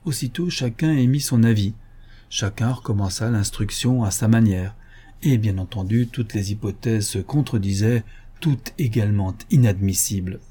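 A man narrating a classic detective story in a measured, even storytelling manner. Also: lowish voice, slightly rough. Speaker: audiobook narrator. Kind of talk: scripted literary narration.

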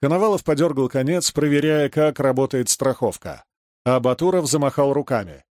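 A man narrating a dark rural adventure story, reading scripted prose steadily. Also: medium pitch, fairly quick, no room sound, studio quality. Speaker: audiobook narrator.

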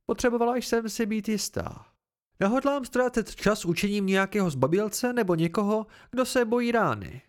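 A man voicing a fierce, blunt female sword teacher in an amateur audiobook reading, raising his voice higher and louder for her. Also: animated. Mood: frank.

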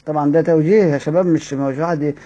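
A man with an Egyptian Arabic accent, teaching a lesson on Quran recitation. He asks the class questions and slowly chants example words to show each rule. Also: on the high side, steady tone, warm tone, highs cut off. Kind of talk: lesson explaining a text.

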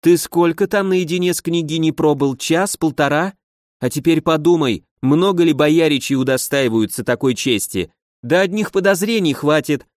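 A woman's voice: deep voice, moderate pace, no echo, clean studio sound, pitched above the performer's own voice, lightly acted. A man voicing a hot-tempered young noblewoman who nags and scolds her brother in an audiobook. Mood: scolding. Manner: sharp, nagging, reproachful.

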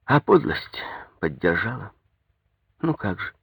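Guy voicing a bitter tired village woman, quiet, husky low read. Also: very animated, takes it slowly, dry recording, clean studio sound, heavily acted.

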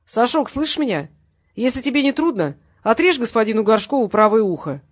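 A woman's voice: a little high, big pitch swings, brisk, dry recording, studio quality. A woman narrator voicing a cocky hitman in a crime audiobook. He taunts his enemies in a light, good-natured tone, and every word carries a threat. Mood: taunting. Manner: genial tone over threats. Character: cocky male hitman, mocking and menacing.

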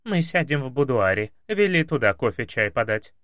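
A man's voice: medium pitch, very animated, normal speed, a bit bright, no room sound, clean studio sound. A man voicing an imperious older woman who talks in a grand, exasperated way. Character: imperious, weary older woman, the narrator's childhood patroness.

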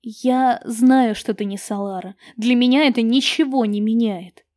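A woman voicing a gentle, tender grown man who speaks softly and reassuringly in a storybook reading. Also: on the high side, a little slow, no echo, clean studio sound, lightly acted. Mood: firm, tender. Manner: soft, warm-hearted and reassuring.

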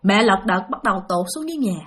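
A woman's voice: mid-range voice, lively intonation, fast talker, a bit bright. A woman narrating a ghost story in a chatty way, often speaking directly to her listeners.

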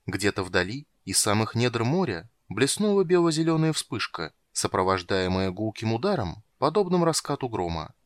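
A man narrating a fantasy adventure story in an expressive storytelling manner. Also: on the low side, normal speed, hardly any pauses, no echo. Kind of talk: scripted narration.

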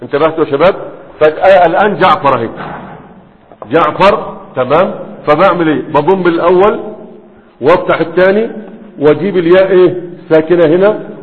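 A man teaching a class in a lecture style, constantly checking understanding with quick questions to his students. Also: a little high. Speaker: teacher of Arabic morphology. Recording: tinny phone-like sound with long hall echo.

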